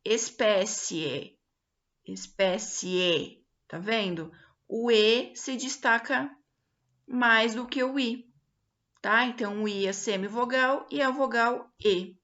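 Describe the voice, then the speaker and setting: Slow, patient woman teacher, bright voice. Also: a little high, lo-fi sound. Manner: slow, patient, stretches example words out syllable by syllable, frequent check-ins. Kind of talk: remote grammar lesson for pupils.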